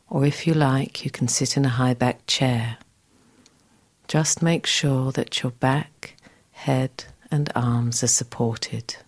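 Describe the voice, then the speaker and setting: Very low, soft relaxation guide woman. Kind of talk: scripted guided relaxation exercise.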